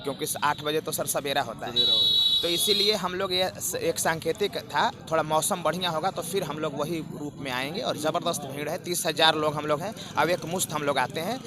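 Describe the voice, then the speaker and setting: A man, a protest spokesperson, making an earnest, measured appeal in a street interview. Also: fairly high pitch. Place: outdoor protest sit-in. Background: crowd.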